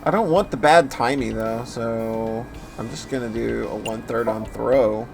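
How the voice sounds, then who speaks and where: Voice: mid-range voice, unhurried, creaky. A game streamer giving casual, playful, joking commentary on a playthrough. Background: faint game music.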